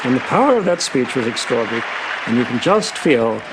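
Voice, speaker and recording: Brief: American man, documentary commentator, mid-pitched, clear noise and crowd behind him. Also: very animated, brisk. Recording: noisy, crowd sound behind the voice.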